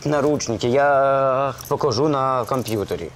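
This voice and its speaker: An actor playing an awkward, nerdy crypto miner who explains things with stammers and hesitations. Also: male voice, mid-range voice, normal speed, a little hiss or hum, natural voice. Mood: explaining.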